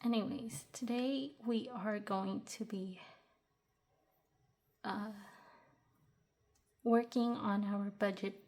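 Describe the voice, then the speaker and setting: A woman's voice: mid-range voice, steady tone, takes it slowly, long pauses, darkish tone. A young woman in her twenties chatting casually as a budgeting vlogger, a little out of breath, with fillers and restarts. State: short of breath. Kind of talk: casual tutorial chat.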